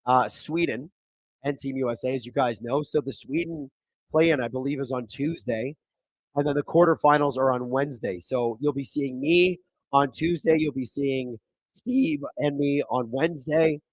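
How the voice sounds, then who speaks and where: Speaking at a moderate pace in a mid-range voice, a hoarse host runs a hockey watchalong stream, his thin, raspy voice squeaking now and then. He reads the chat aloud in a relaxed way and gets excitable with play-by-play on big moments. The streaming-mic audio has no room sound.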